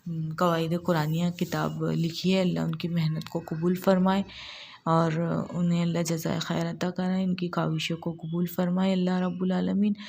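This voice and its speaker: A woman teaching Quran recitation step by step, patiently repeating syllables slowly and drawn out. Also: on the low side, warm tone. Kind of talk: step-by-step tajweed lesson.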